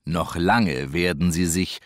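A middle-aged man narrating a children's storybook in a lively, expressive, unhurried manner. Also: low voice, no echo, studio quality.

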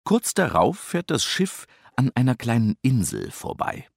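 Slow, expressive storybook narrator, a man. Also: medium pitch, gravelly, no room sound, studio quality. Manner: lively, expressive, unhurried.

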